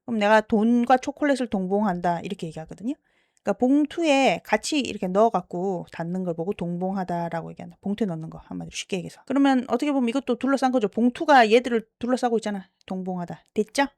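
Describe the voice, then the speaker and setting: A woman teaching English vocabulary in a lecture style. She checks understanding with frequent questions and slows down to sound out English words. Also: medium pitch, lively intonation, a little mellow, no room sound.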